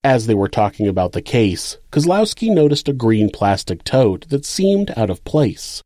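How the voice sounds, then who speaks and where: A man's voice: mid-range voice, very animated, normal speed, warm tone, dry recording, studio quality. A man with an American accent reading scripted true crime narration as the narrator of the case.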